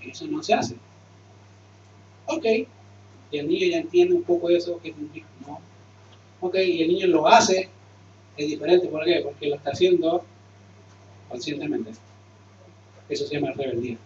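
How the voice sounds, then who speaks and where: A male pastor preaches in a relaxed, conversational way, keeps asking questions and answering them himself, and speaks a bit high for a man. He sounds set back from the mic in a roomy hall. The sound is muffled, with faint ambience behind him. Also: normal speed, pauses often, far from the mic, slight background noise. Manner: conversational, asks and answers his own questions. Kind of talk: sermon with closing prayer.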